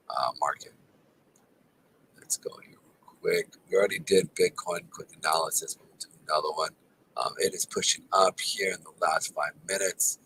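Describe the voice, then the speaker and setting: Male chart analyst, very low bright-edged voice, tired, sore throat, casual filler-laden commentary, faint noise behind. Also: rough recording. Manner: casual, filler-heavy, addresses viewers as guys. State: tired and exhausted; throat not feeling well. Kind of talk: live market chart commentary.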